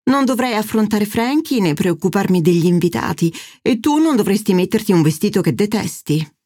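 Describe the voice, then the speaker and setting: A woman's voice: mid-range voice, lively intonation, moderate pace, warm tone, dry recording, studio quality, natural voice. A woman voicing a dramatic, flighty middle-aged mother who talks in a lilting, self-pitying way. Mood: theatrical.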